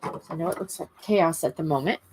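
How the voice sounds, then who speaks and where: A woman chatting casually and haltingly on a livestream, her words slightly impeded by a swollen lip. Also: deep voice, background noise. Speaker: craft livestream host. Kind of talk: casual rambling livestream chat.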